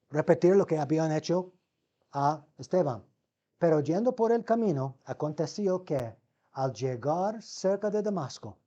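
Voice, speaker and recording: In a seminary Bible lecture, a man with a high-pitched but dark voice calls his listeners brothers, poses rhetorical questions to the class, and frequently restarts words mid-sentence. The recording has its highs cut off.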